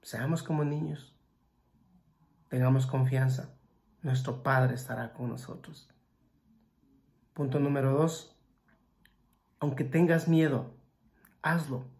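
A man with a mid-range voice preaches a sermon, swinging between loud exclamations and hushed passages. He puts direct questions to his listeners.

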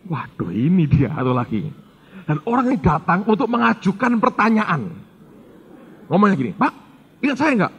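A man's voice: high-pitched, very animated, normal speed, breathy edge, highs cut off. A middle-aged male pastor, telling a story in a sermon and acting out the dialogue while addressing the congregation.

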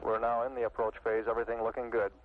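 A man's voice: medium pitch, monotone, very fast, soft background music. A man giving terse astronaut callouts over a crackly space radio transmission. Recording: tinny narrow-band archival radio.

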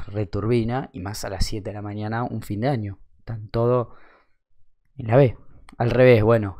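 A young adult man with an Argentine Rioplatense accent tells a funny anecdote, his voice mid-range and darkish. His casual storytelling is full of slang and swearing.

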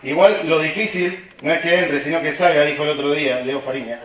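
A man's voice: a little high, a little fast. A man with a Rioplatense accent doing stand-up magic patter and joking with a live audience at an event. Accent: Rioplatense Spanish. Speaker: magician and comedian. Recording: echoey hall, far from mic, crowd noise. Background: audience laughter and chatter.

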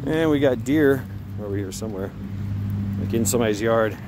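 A middle-aged American vlogger rambles casually while walking along a neighborhood sidewalk, halting often and breaking off to talk to his dog. His voice is mid-range. He holds the phone at arm's length, and street noise and passing cars come through.

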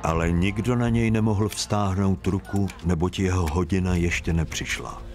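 A man narrating a Bible story in a steady, even storytelling voice. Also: low-pitched, music in the background.

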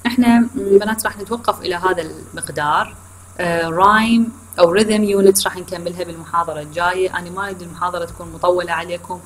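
A woman's voice: lowish voice, fairly even intonation, fast, slight background noise, low-quality recording. A woman with an Iraqi Arabic accent gives a recorded online lecture to her students. She mixes English terms into her explanations, corrects herself often and checks in with questions. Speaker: university lecturer.

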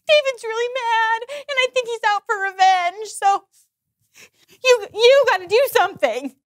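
A woman's voice: very high voice, expressive, unhurried, no echo, clean studio sound. A woman playing a timid, flustered servant messenger in a comic children's Bible sketch, hesitant and exaggerated. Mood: anxious.

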